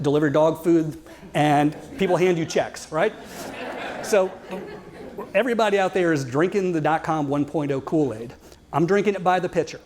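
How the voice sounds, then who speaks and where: A man in his fifties tells a story on stage to a live audience in a wry, conversational way. His voice sits a little high for a man. He keeps turning to the crowd with questions. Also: a little mellow. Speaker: guest speaker.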